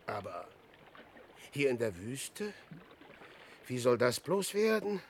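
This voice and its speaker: An actor playing Peer Gynt, a vain, self-serving rich adventurer, declaiming in a classic radio play. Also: male voice, mid-range voice, sing-song, slow, slight background noise. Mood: brooding. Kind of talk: classic radio drama acting.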